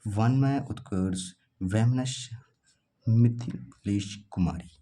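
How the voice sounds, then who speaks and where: A man's voice: fairly low pitch, takes it slowly, warm tone. Man talking through exam spelling answers. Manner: sounds out words while eliminating options. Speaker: teacher. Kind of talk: exam practice lesson.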